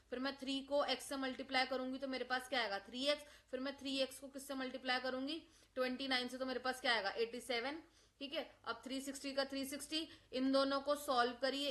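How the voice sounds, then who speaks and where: A woman teaches a maths lesson. Her voice is high and bright. She walks through each step, asks her students questions and then answers them herself. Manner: addresses students as beta. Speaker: maths tutor.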